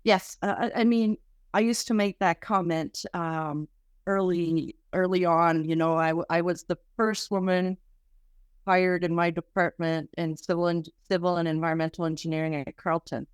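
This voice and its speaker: Quebec woman, earnest halting speech. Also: on the low side, fairly even intonation, clean tone, no room sound, clean studio sound. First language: French. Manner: earnest, halting with many restarts. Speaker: research center director. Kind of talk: podcast interview.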